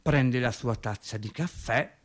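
An actor plays an unread, plainspoken factory husband in an animated, colloquial radio-theatre monologue full of hesitant repetitions. His mid-range voice moves at a measured pace, lightly acted, and the mood is wry and reminiscing.

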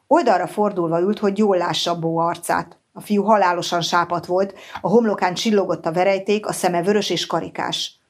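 Measured woman reading an audiobook. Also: on the low side. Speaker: audiobook reader. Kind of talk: audiobook narration.

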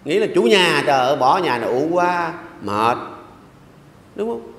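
An older man, a Buddhist monk, preaches to his congregation in a fairly high, animated voice, often checking in with the listeners. He drops from raised calls to soft, low asides. The sound is roomy with a long hall reverb, and he drifts away from the mic at times. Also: unhurried. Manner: conversational, repeats "Đúng không?" to the audience. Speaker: Buddhist monk giving a dharma talk. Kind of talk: sermon to a live congregation.

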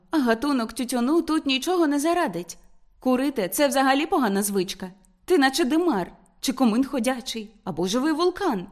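A woman's voice: high voice, pitched above the performer's own voice. A woman voicing a prim, reproachful young lady. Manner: reproachful, pleading, raised and lively. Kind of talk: audiobook character reading.

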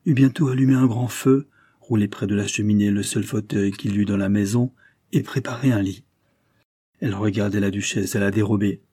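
Un homme lit un roman en livre audio, d'un ton posé et expressif. Sa voix est plutôt grave, sombre et un peu voilée. L'enregistrement est très sec, sans écho. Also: male voice, lowish voice, mellow, husky, dry recording, clean studio sound. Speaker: audiobook narrator. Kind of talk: literary audiobook reading.

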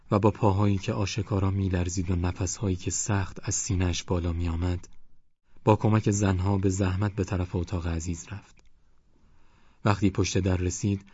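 A man narrating a novel as an audiobook in a steady, measured reading, in a dull, dry recording. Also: low voice, slightly rough. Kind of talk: scripted narration.

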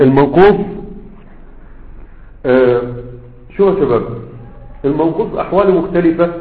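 A man with an Egyptian Arabic accent teaching a grammar lesson, constantly quizzing his students with half-finished questions and checking they follow. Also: mid-range voice. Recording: echoey room over a tinny, phone-like line.

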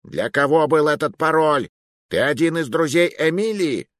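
A swaggering, brash bruiser barks out his lines loudly and bluntly, as a male storyteller puts him on. The voice is lively and swings widely. It is recorded close and dry. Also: fairly high pitch, moderate pace, no room sound, pitched above the performer's own voice, close to an everyday voice. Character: rough, swaggering burly man, blunt and brash.

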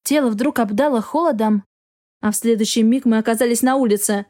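A woman's voice: fairly high pitch, brisk, dark tone. A woman narrating a first-person story as an audiobook reader, with an intense, dramatic delivery.

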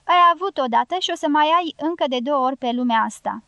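A bossy, forceful matriarch from an audiobook, as a woman narrator puts her on. She snaps short scolding retorts in a high voice. The sound is close and dry. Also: lively intonation, dry recording, highs cut off, exaggerated voice. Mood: gruff.

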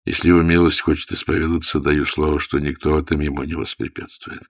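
A man voicing an older commander, earnest and persuasive, with a husky low voice. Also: little pitch movement, fast talker. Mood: reassuring.

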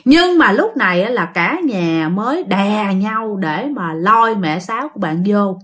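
A woman's voice: medium pitch, expressive, measured pace, fairly bright tone. A woman with a Southern Vietnamese accent telling a ghost story in a chatty way, addressing her listeners directly. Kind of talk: casual ghost-story narration.

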